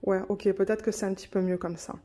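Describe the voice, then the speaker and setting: A woman vlogging an unboxing in a quick, chatty way, reading out color numbers at home. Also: mid-range voice, flat delivery, dark tone. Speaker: diamond painting vlogger. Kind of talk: casual unboxing chat.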